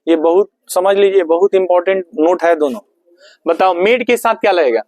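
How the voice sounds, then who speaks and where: A man's voice: sits high, normal speed, darkish tone, no echo, low-quality recording. A male teacher running a grammar lesson in a classroom, firing repeated questions at his students.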